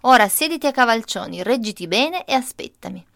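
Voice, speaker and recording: A woman reading a children's story voices a cheerful, loving old grandfather who coaxes a child gently and patiently. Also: very high-pitched, animated, fairly quick, vocal fry, dry recording, clean studio sound, full character voice. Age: older.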